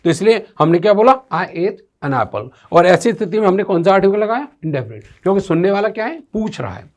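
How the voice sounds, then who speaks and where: A man's voice: high-pitched, animated, quick pace. A man explaining English grammar step by step as a teacher, often asking rhetorical questions and reading out English sentences. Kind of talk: classroom-style grammar lesson.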